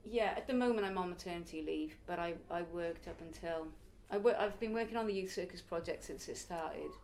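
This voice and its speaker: Her fairly low, darkish voice moves briskly as this circus performer and youth circus teacher in her early forties answers interview questions. She is chatty, reflective and occasionally laughing, with slight background noise.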